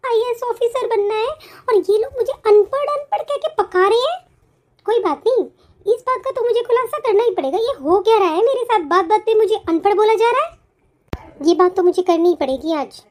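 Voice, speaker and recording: A woman's voice: very high-pitched, a little mellow. A woman voicing an earnest, educated young daughter-in-law in a cartoon, talking in an indignant, pleading way. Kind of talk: cartoon voice acting.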